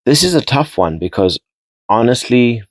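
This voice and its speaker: A man's voice: mid-range voice, big pitch swings, moderate pace, no room sound. A man giving a casual, rambling rugby match recap, repeating and restarting words as he goes. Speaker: rugby vlogger.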